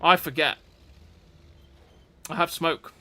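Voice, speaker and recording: A man's voice: on the high side, fairly even intonation, sharp tone. A man giving casual gameplay commentary, chatty and thinking aloud as he plays. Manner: chatty, thinks aloud with restarts and quick reactions.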